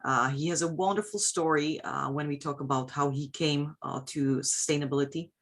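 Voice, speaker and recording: A woman's voice: low voice, steady tone, normal speed. A woman hosts an online webinar, introducing the guest speaker over a video call. She speaks hesitantly, leaning on fillers and restarting her phrases as she goes. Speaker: webinar host.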